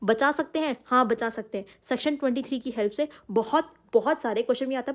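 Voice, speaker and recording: A woman teaching an online exam-prep lecture, talking emphatically and calling her students "beta". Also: high-pitched. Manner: emphatic, addresses students as "beta", mixes English terms. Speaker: commerce tutor.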